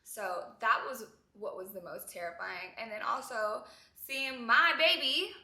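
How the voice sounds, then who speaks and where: A young woman vlogger telling an emotional story, tearful and animated as she talks. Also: on the high side, unhurried, reverberant.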